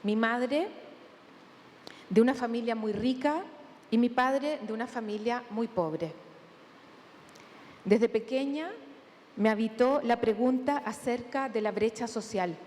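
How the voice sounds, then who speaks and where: A woman from Chile with a Chilean accent, giving a measured academic conference talk with thoughtful pauses in a large hall. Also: fairly high pitch, darkish tone. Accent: Chilean Spanish. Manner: measured, deliberate, with thinking pauses. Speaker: conference speaker. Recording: long hall reverb, faint room noise.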